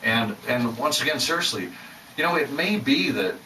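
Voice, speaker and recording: A channel host rambles through a casual monologue, restless and self-doubting, restarting often. His mid-range voice is animated, pushed and bright at a moderate pace. The poor audio comes from a distant mic in a reverberant room with a faint hum.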